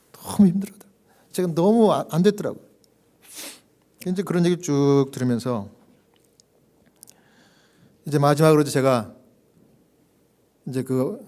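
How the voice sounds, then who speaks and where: A man preaching as a pastor and chaplain. He tells a story with animation, acts out the voices of the people in it, and drops to a hushed whisper at solemn points. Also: medium pitch. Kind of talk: sermon storytelling. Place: church.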